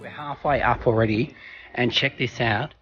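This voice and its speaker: A man hosting a casual travel vlog outdoors, chatty and excitable, out of breath from climbing. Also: medium pitch, moderate pace, highs cut off. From Australia. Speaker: travel vlogger. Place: outdoors on a rocky hill. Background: music.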